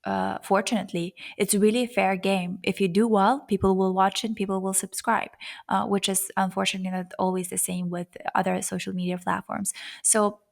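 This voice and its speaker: A woman speaks as an interview guest. Her mid-pitched voice has a creaky edge and fairly level intonation, and she explains her points earnestly in a conversational way. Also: little pitch movement, a little fast. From Azerbaijan. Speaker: interview guest, YouTuber and etiquette coach.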